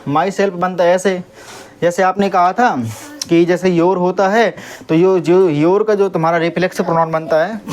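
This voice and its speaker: A man's voice: high-pitched, a little mellow. A young man teaching English grammar in a classroom, asking the pupils questions and answering for them, and now and then telling them to stop making noise. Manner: scolds noisy pupils.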